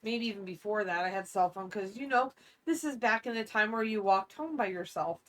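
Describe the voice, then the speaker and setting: A woman's voice: mid-range voice, expressive, fairly quick, fairly bright tone. A woman in her late thirties co-hosting a podcast, talking in a rambling, casual way with lots of fillers and trailing sentences. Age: 30s. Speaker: podcast co-host. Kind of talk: casual chat.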